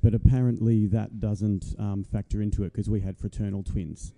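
A man's voice: lowish voice, steady tone, normal speed, gravelly, dark tone. A man with an Australian accent hosting a podcast in a casual style. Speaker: podcast host, musician.

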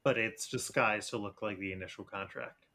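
A man narrating as game master of a tabletop game, speaking in a relaxed way with frequent fillers. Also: on the low side, moderate pace, a little hiss or hum.

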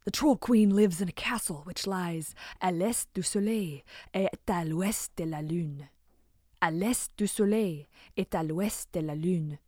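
Woman doing a sad cursed bear guy from a fairy tale, earnest, hushed at times. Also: on the low side, unhurried, no room sound, clean studio sound. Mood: solemn.

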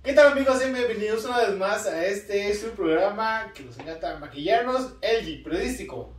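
Man, podcast host, teasing and playful, high voice, roomy echo, distant mic. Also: lively intonation, moderate pace, over music. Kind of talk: joking casual interview.

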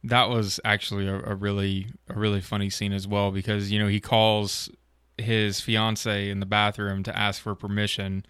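Guy with a smooth low voice rambling about movies, lots of um and you know, dry sound. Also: monotone, moderate pace, fairly bright tone, no echo. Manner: rambling with many fillers, swears when worked up. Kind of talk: casual chat.

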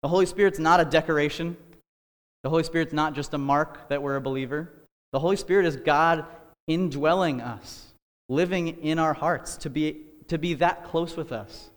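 A man's voice: a little high, moderate pace, long reverb tail. A man giving an earnest, conversational sermon-style talk on a podcast, with casual asides and fillers. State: out of breath. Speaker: podcast host preaching.

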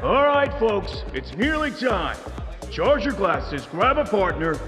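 A man playing a party announcer rousing a New Year crowd in an audio drama, with his voice under loud music. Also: sits high, sing-song, slow, in a large hall, full character voice. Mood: rousing, festive.

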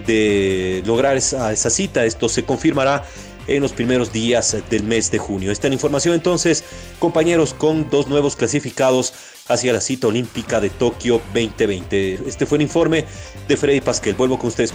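A man with an Ecuadorian accent giving a halting live sports report on the radio, often hesitating. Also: mid-range voice, a little mellow, soft background music.

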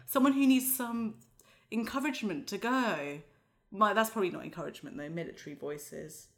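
A woman co-hosting a podcast in casual chat, chatty and quick to laugh. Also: mid-range voice. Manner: chatty, laughs often, animated asides. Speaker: podcast co-host.

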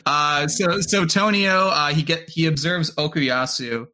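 Slightly high man recapping a plot. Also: pushed and bright. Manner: recapping plot with halting restarts. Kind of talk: casual chat.

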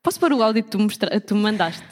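A woman's voice: mid-range voice, animated, very fast. A woman with a European Portuguese accent, co-hosting a podcast in casual, blunt, teasing banter. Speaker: podcast co-host. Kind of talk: casual chat.

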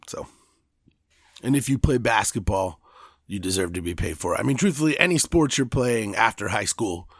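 An American man with a mid-pitched, noticeably creaky voice talks through sports casually and without a script. He rambles from point to point with firm opinions. The sound is dry, with almost no room echo. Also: fairly bright tone. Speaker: solo sports commentator. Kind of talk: casual unscripted sports commentary.

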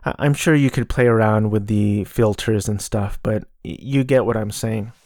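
A man hosting a casual solo gaming podcast in a monotone, low-energy voice with vocal fry, hesitating and stammering over repeated words. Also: normal speed, no echo, studio quality. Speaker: podcast host. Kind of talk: casual solo podcast talk about video games.

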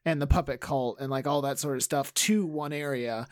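A man chatting casually as a podcast co-host, improvising ideas haltingly and often circling back to rephrase. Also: mid-range voice, steady tone, no echo, clean studio sound. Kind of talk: casual improv brainstorming chat.

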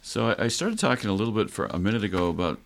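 A man's voice: fairly low pitch, sing-song, very fast, vocal fry. A man hosting a conversational radio advice show, speaking instructively and straight to the listeners. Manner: instructive, addresses listeners directly.

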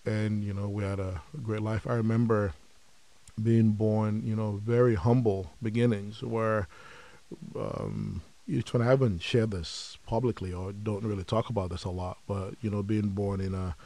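A man from Nigeria, a podcast guest, telling his story in a measured, reflective way with frequent pauses. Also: fairly low pitch, fairly even intonation, dark tone. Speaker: podcast guest, company founder. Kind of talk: conversational interview.

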